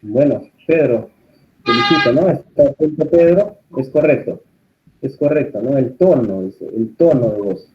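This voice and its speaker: A man instructing a course, lecturing and often putting questions to his students in a calm teaching tone. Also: medium pitch, a little slow, slight background noise. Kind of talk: online class lecture. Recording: muffled, lo-fi audio.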